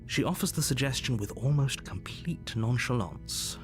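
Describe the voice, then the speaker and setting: An actor playing a stern, disapproving male narrator in a video game, telling the story in formal, measured phrases. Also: mid-range voice, expressive, close to an everyday voice. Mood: grave narration. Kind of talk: dramatic scripted game narration. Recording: music behind.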